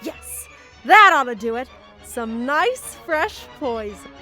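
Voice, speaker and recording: Shrill tyrannical Wicked Witch of the West. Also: sing-song, takes it slowly, exaggerated voice. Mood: scheming, menacing. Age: teens. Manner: imperious tyrant, taunting and cackling. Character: tyrannical, gloating wicked witch, cruel and commanding. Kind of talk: high school stage play acting. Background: music.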